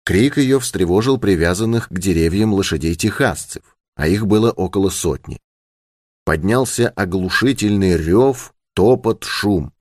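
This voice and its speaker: A man reads a novel aloud with expressive, lively intonation. His voice sits low. The recording is dry and close-miked. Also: measured pace, dry recording. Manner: expressive storytelling. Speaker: audiobook narrator. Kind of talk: scripted narration.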